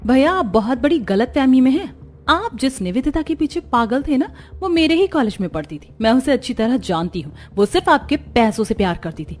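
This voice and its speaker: A woman's voice: sits high, big pitch swings, a little fast, a little mellow. A woman voicing an outspoken young sister-in-law who talks frankly and teasingly.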